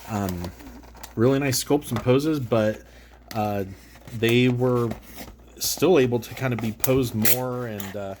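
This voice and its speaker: A mid-range male voice takes it slowly against a noisy background, stuffy from a cold. The toy reviewer hosting this channel chats casually while unboxing an action figure, drifting around, filling gaps with fillers and restarting to self-correct.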